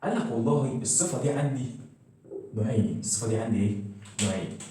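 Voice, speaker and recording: A man's voice: medium pitch, animated, fast, mellow, slight background noise. A man with an Egyptian accent teaching a school science lesson. He keeps asking questions, answers them himself and repeats the key words. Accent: Egyptian Arabic. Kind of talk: classroom-style lesson. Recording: very echoey room, mic set far off.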